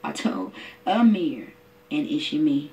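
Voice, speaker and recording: Low-voiced woman recalling a painful night. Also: very animated, slow, warm tone, distant mic, low-quality recording. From Oakland, California. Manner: emotional, vivid storytelling. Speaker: interviewee, mother. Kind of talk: personal testimony.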